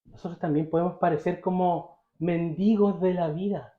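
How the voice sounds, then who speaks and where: A man's voice: sits high, steady tone, moderate pace, roomy sound, phone-quality sound. A male pastor preaching a sermon, telling the story vividly and asking the congregation questions.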